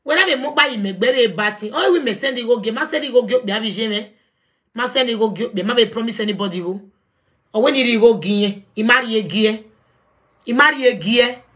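A woman with a Nigerian accent hosting a live video call, animated and confrontational, mixing Pidgin English. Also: a little high, fairly quick. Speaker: talk show host.

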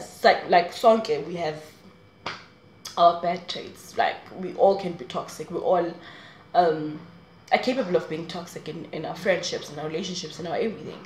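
A woman in her twenties, voice on the low side, rambles casually through advice while facing the camera and laughing often. She's in a small room indoors, and the audio is poor and echoey.

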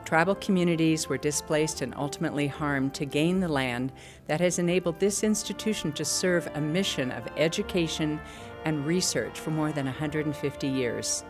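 Low-voiced woman giving a formal address. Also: over music. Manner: measured, formal delivery. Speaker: university provost. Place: stage with curtains, indoors.

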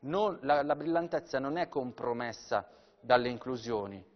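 Man, live TV auctioneer, descriptive sales patter, mid-pitched voice, long reverb, dull sound. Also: fairly even intonation, normal speed.

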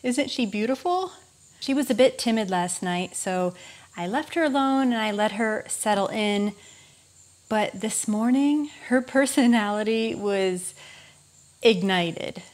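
Woman in her 30s, unhurried, gentle enthusiastic vlogger, lapel mic, faint crickets behind. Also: on the high side. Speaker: rabbit breeder vlogger. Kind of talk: casual explanatory vlog. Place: indoors in front of wooden wall backdrop. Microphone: clip-on lapel mic.

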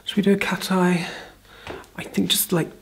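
A woman in her thirties performing a fast whispered role-play as a brisk, chatty makeup artist, murmuring softly close to the microphone. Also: on the low side, flat delivery, slight background noise. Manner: fast, breathy ASMR whispering and soft murmuring. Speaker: ASMR performer.

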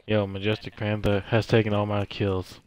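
A man's voice: on the low side, completely flat delivery, moderate pace. A man streaming a shooter match, chatting casually and teasing and cursing at other players. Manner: trash-talking, profane, teasing. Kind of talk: casual gameplay chat.

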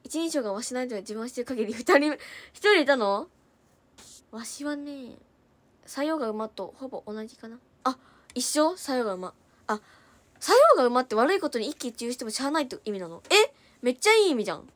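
A young idol chats casually on a livestream, reading out viewer comments and thanking people, talking quickly with lively intonation. Her voice is a little high, there's no echo, and she now and then slips into Hiroshima dialect.

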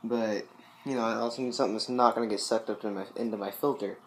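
A man's voice: fairly low pitch, steady tone, fast, a little hiss or hum. Rambling young man by his fish tank. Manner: rambling, many fillers and asides. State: voice a bit loose. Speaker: aquarium vlogger. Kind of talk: casual rambling chat.

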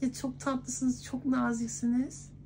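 Man doing a high-pitched coy woman's voice. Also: flat delivery, takes it slowly, darkish tone, slight background noise, full character voice. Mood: flirty, sweet. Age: 20s. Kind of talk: prank phone call. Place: clothing shop, indoors.

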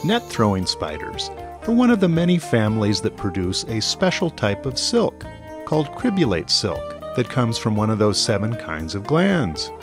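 Male narrator for a nature documentary: lively intonation, informal, wry playful touch, over a music bed. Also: on the low side, normal speed. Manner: informal, wryly playful wording.

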